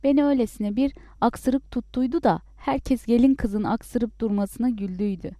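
A woman voicing a chattering old grandmother in a storybook reading, talking high and shrill. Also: normal speed, dark tone, no echo, studio quality, lightly acted. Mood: rambling.

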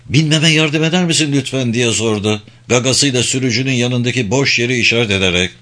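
A man's voice: mid-range voice, pushed and bright. A man narrating an adventure audiobook with dramatic storytelling.

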